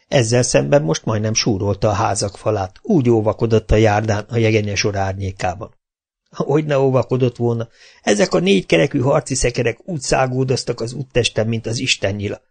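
A man reading a children's storybook aloud in a lively, expressive narration. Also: medium pitch, vocal fry. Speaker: audiobook reader.

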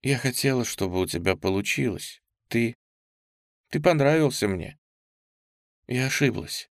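A man's voice: on the high side, big pitch swings, normal speed, no echo, voice pushed up. A man voicing a proud, hot-tempered young woman cook who speaks sharply and indignantly, close to tears. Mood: hurt.

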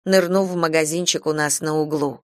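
A man's voice: on the high side, fairly even intonation, fairly quick, no room sound, studio quality. Man reading a first-person novel. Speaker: audiobook reader. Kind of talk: first-person literary narration.

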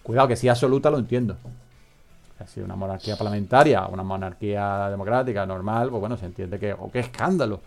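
A podcast host with a lowish, quick voice and vocal fry runs a loose, comedic radio chat at a studio mic. He rambles, drifts into jokes, and often leaves thoughts trailing off unfinished.

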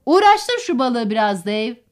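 A woman voicing an adult man who coaches a young angler on a boat, giving loud, firm, encouraging instructions in an audiobook. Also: fairly high pitch, very animated, measured pace. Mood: urging. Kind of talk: audiobook character voice.

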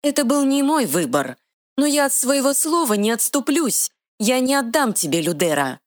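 A woman voicing a tiny, sharp-tongued female fairy guardian with quick retorts, in a dry close recording. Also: high-pitched, big pitch swings, no room sound, pitched above the performer's own voice. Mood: feisty.

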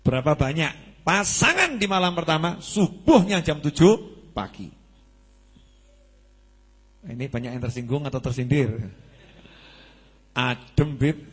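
A man's voice: mid-range voice, a little slow, pauses often, breathy edge. A man preaching at a mosque study gathering, telling stories, acting out dialogue and asking the audience questions. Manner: lively storytelling with questions to the audience; acts out quoted dialogue. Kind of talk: Islamic study sermon.

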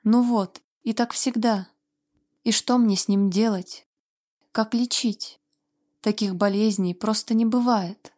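A woman's voice: mid-range voice, steady tone, slow pace, warm tone. A woman reading an audiobook, voicing a frightened, tearful young woman who trembles, pleads and flares into anger. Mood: exasperated. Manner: trembling and pleading, flaring into angry outbursts.

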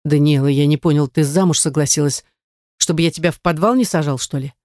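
A gruff young man with a short temper barks his orders in a growling voice, as the audiobook narrator puts him on. His voice is recorded dry and close. It is a storybook reading. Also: mid-range voice, fast, darkish tone, dry recording, close to an everyday voice. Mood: angry. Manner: growling, commanding. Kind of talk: audiobook dialogue.

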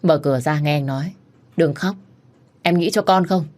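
A woman voicing a hesitant young husband torn between two women, in a soft, apologetic audiobook reading. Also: low-pitched, moderate pace, close to an everyday voice.

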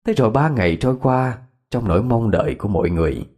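A man's voice: mid-range voice, animated, fast talker, darkish tone. A man narrating a scripted ghost story with dramatic expression. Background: faint music.

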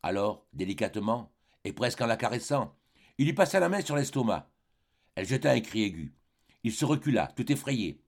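A man giving a measured, expressive reading of a classic novel as an audiobook narrator. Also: medium pitch. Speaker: audiobook reader.

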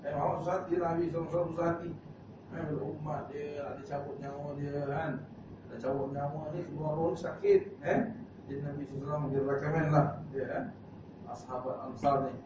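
A man tells a story at a mosque lecture in a chatty way, often checking in with his listeners. His voice is high and comes from far back in a big echoey hall. The sound is dull and lo-fi with hiss behind. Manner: conversational, with frequent fillers and questions to the audience. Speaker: religious teacher.

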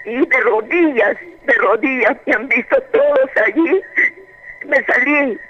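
A woman calling in to a radio show, telling her story in a fervent, halting, repetitive way. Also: sits high, husky. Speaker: radio call-in caller. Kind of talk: emotional personal testimony. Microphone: telephone. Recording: muffled phone line on AM radio.

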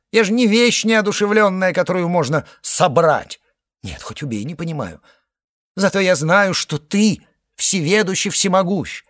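Male reader as a frantic alien egg, high and wailing, begging for mercy. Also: no room sound, studio quality. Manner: wailing, pleading, breaking into shouts. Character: panicky alien egg creature, male, a family man, hysterical and pleading.

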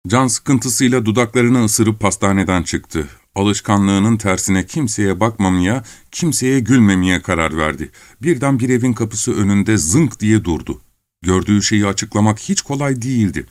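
A man reading a story aloud as narrator, in a measured, unhurried way with deliberate pauses. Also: lowish voice, lively intonation, no room sound, clean studio sound. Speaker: audiobook narrator.

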